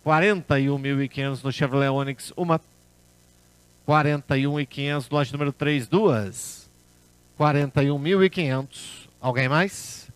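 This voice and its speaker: A man calls a car auction as auctioneer, repeating figures in a steady chant. His voice sits at a medium pitch. The sound is dry, with very little room in it. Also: normal speed, clean tone, no echo. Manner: auctioneer's chant, repetitive bid calling. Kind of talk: live car auction calling, repeating bids.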